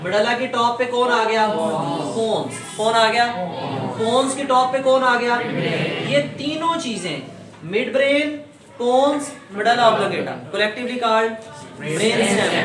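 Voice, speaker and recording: A man's voice: sits high, recorded from a distance. Guy lecturing a class, quizzes the kids and answers himself, roomy echo. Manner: asks the students questions and repeats the answers, calls them "beta". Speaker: teacher.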